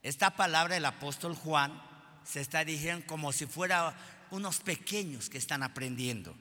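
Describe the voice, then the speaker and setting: Man, pastor's sermon, high bright ringing voice, long church-hall reverb. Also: normal speed. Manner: passionate preaching that swings between shouted peaks and quiet asides.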